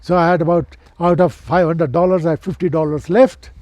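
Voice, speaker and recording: A man of ninety with a posh Indian accent, reminiscing as an interview guest in an educated, measured way with hesitant pauses. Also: fairly high pitch, fairly even intonation, darkish tone, no echo. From central India. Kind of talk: reminiscing in conversation.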